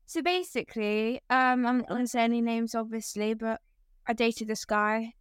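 A woman's voice: fairly high pitch, fairly even intonation, normal speed, clear, resonant tone, dry recording, clean studio sound. A teenage girl co-hosting a podcast, chatting casually in a giggly, rambling way with many fillers. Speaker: podcast co-host. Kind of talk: casual chat.

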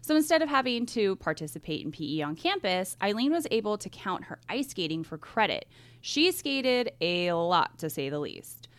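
A woman's voice: medium pitch, very animated, normal speed, dry recording. A woman co-hosting a true crime podcast, telling the story conversationally with informal emphasis, speaking straight to listeners.

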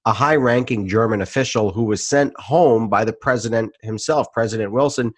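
A man hosting an interview podcast, reading a measured, formal introduction and asking questions. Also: fairly low pitch, no room sound.

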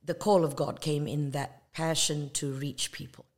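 Her voice is low and darkish, with fairly even intonation. She is a Malaysian woman appearing as an evangelist guest, sharing a conversational testimony of faith in an earnest, reflective way, pausing and using fillers.

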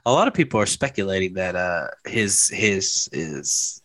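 A man's voice: sits low, sing-song, normal speed, a bit bright, no room sound. A man co-hosting a podcast in casual chat, rambling and repeating himself in a laid-back way. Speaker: podcast co-host.

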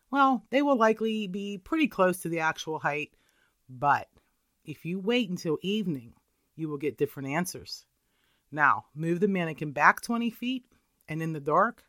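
Paranormal story narrator over soft music. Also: medium pitch.

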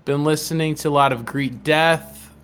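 A man's voice: a little high, steady tone, moderate pace, fairly bright tone, clear, resonant tone. A man in casual podcast chat, rambling with many fillers and firm opinions.

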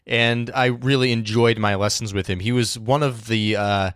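A man in his thirties hosting a jazz education podcast, telling a personal story in a relaxed, thoughtful way with many fillers. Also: medium pitch, moderate pace, dry recording, studio quality. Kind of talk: casual storytelling monologue.

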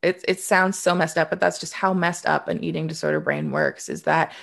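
A Canadian woman of about thirty speaks as an interview guest, frank and reflective. She loops back to restart her thoughts and slips in a dry sarcastic aside. Her voice sits a bit low with a lot of vocal fry. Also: very animated, fairly quick, a bit bright. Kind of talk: candid conversational storytelling.

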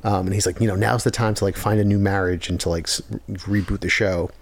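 A man's voice: deep voice, steady tone, brisk. A man co-hosting a casual podcast, recapping episodes at length with frequent fillers. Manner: long plot recaps with fillers. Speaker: podcast co-host recapping a show. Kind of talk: casual chat.

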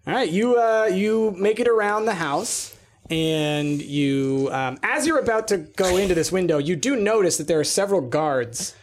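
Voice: mid-range voice, animated, normal speed. A game master narrating a tabletop game in an improvised, conversational way, telling the players what happens around them.

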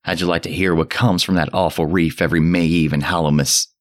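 A man voicing a terrified old drunk who rants in a shrill, cracking old voice and a rustic dialect. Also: fairly even intonation, fairly quick, lightly acted. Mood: goading. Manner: rustic old New England dialect, ranting. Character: terrified old male drunk, rambling and frantic.

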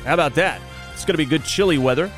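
Folksy morning show host, high-pitched man. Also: fast talker, a bit bright, soft background music. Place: radio studio.

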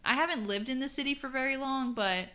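A woman's voice: high-pitched, quick pace. A young woman co-hosting a podcast in casual chat, who grew up in a small town and talks in a chatty way. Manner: chatty, acts out greetings in a bright put-on voice. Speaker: podcast co-host.

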